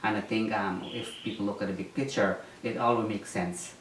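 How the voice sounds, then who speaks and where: A man's voice: lowish voice, steady tone, a little fast. Guy from guyana in an interview, lots of ums n restarts, distant mic, faint hiss. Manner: hesitant, many ums and restarts. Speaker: interviewee, former mayoral candidate. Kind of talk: casual interview answers. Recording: roomy echo, distant mic, faint noise.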